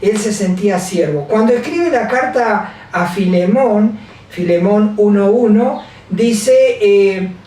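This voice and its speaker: Echoey, halting woman preaching from afar. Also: mid-range voice, warm tone. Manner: halting, repeats scripture references, many fillers. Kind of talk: sermon. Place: large echoey church hall. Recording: very echoey hall from far off.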